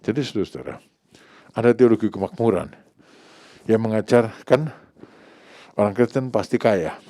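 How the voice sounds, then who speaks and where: A middle-aged Indonesian man with an Indonesian accent preaching a sermon as pastor. He keeps addressing the congregation directly and swings between loud emphatic peaks and quiet low asides. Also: expressive, moderate pace, no echo, clean studio sound. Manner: addresses the congregation repeatedly as "saudara".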